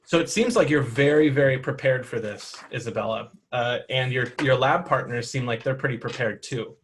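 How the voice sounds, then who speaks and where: A man's voice: medium pitch, moderate pace, slight background noise. A man running a tabletop role-playing game for children, explaining the rules patiently and encouraging the players. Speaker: game master.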